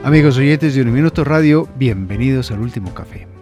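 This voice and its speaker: A man's voice: mid-range voice, brisk, darkish tone, faint music behind. A man with a Colombian Spanish accent hosting a radio interview conversationally, discursive and often addressing the listener directly.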